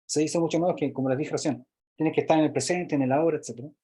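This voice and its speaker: A man's voice: a little high, very fast, mellow, breathy edge. A man teaching a workshop, explaining step by step and often checking in with tag questions. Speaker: workshop instructor. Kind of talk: recorded online workshop lesson.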